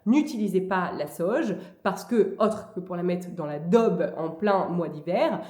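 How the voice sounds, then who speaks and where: A woman talking casually and hesitantly in a vlog, with frequent pauses as she gives advice. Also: fairly low pitch, a little mellow. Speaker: vlogger. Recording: echoey room.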